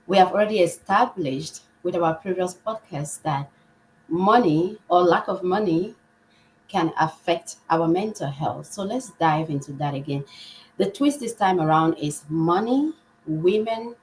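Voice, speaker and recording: A woman's voice: lowish voice, measured pace, slight background noise, low-quality recording. A woman hosting a live podcast, upbeat and welcoming, now and then restarting her words. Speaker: podcast host.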